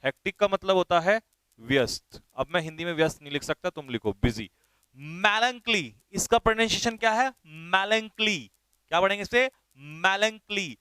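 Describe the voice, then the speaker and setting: Male teacher, brisk and directive, slightly high voice, smooth and resonant, dry close sound. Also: expressive, a bit bright, no room sound. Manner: brisk and directive, spells words letter by letter. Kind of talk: online vocabulary class.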